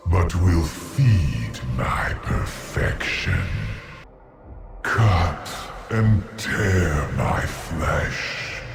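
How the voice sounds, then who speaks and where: An actor playing a sinister, smug, monstrous horror of flesh in a video game, with a gravelly, whispery voice and drawn-out ominous menace. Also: male voice, a bass voice, exaggerated voice. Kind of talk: video game boss acting. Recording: music behind, roomy echo. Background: music.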